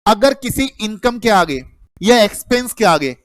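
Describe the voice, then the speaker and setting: A man's voice: high-pitched, lively intonation, measured pace, fairly bright tone, dry recording. A middle-aged man teaching an accounting class, calling students "beta" and firing repeated questions at them. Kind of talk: classroom lecture.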